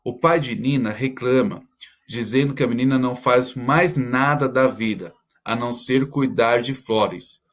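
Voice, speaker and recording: A man's voice: medium pitch, measured pace. A man teaching, talking students through school exercises step by step and checking in with "tá?" after nearly every phrase. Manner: checks in constantly with "tá?".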